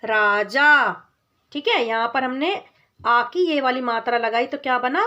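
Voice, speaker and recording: A woman's voice: high-pitched, normal speed, a bit bright, highs cut off. A woman teaching a children's lesson on vowel signs. She patiently asks questions and answers them herself, and often calls the child "beta". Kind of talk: slow children's Hindi lesson.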